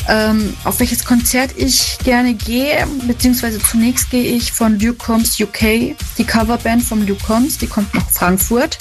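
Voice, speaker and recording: A woman's voice: a little high, steady tone, unhurried, hardly any pauses, faint music behind. Chatty woman listener with fillers. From Germany. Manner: chatty, hesitant with many fillers. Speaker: listener in station promo. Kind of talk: casual testimonial.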